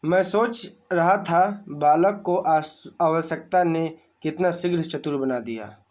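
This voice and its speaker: Slow-talking male teacher explaining a story. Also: a little high, darkish tone. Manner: reads a passage aloud, then explains it in plain words. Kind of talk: reading and explaining a school lesson.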